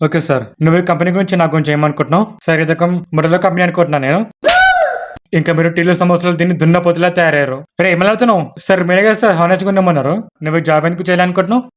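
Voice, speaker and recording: A man acting out a brash, mocking comedy sketch. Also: on the high side. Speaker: comedy sketch creator playing all parts.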